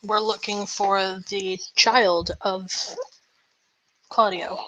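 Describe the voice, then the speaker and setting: A woman's voice: medium pitch, steady tone, very slow, bright, forceful tone, rough recording. A woman voicing a polite young male king consort who speaks hesitantly. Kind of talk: voice role-play.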